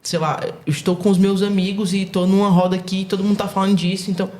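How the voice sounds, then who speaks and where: A woman guest on a faith podcast who talks quickly and tells stories with animation, often restarting her sentences. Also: mid-range voice, flat delivery, a little mellow. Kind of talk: casual faith podcast conversation.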